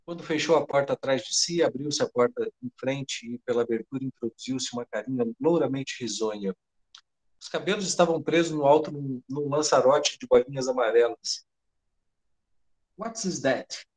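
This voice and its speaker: A man with a Brazilian Portuguese accent reading a short story aloud to a book club, in measured narration with small slips and restarts. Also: medium pitch, a little mellow.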